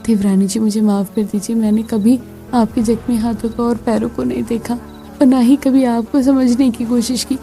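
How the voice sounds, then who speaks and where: A woman voicing a lazy, whiny elder daughter-in-law in a family skit, raising her voice high. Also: flat delivery, moderate pace, dark tone, faint music behind, lightly acted. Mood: apologetic. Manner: high, whining.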